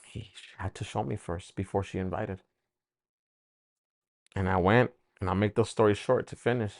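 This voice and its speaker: A man telling his personal faith testimony, emotional and halting, often repeating words as he speaks. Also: lowish voice, steady tone, creaky, dry recording, studio quality.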